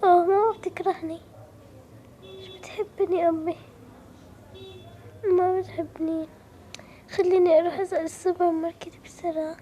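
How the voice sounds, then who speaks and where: Lost, tearful little girl, voiced by a woman for a game story; very high, soft voice, pleading and weepy. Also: little pitch movement, normal speed, long pauses, slight background noise. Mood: sad. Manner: weepy, pleading calls for her mother. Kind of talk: Roblox story role-play voicing.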